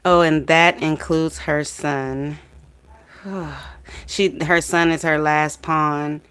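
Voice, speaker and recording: A woman's voice: low voice, fairly even intonation, slow, fairly bright tone, clean tone. A woman hosting a livestream, gossiping and giving opinions while commenting on a trial. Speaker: livestream host.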